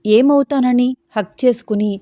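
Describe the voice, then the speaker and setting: A woman's voice: fairly high pitch, fairly even intonation, normal speed, mellow, dry recording, clean studio sound, lightly acted. A woman voicing a stubborn, devoted young woman who pleads and defies her cousin. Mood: pleading, defiant. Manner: pleading yet defiant.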